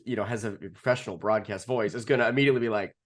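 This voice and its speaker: A man's voice: lowish voice, racing. A man co-hosting a casual sports podcast, tossing out dry jokes between lots of "uh" and restarts. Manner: wry, full of fillers and restarts, dry jokes. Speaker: podcast co-host.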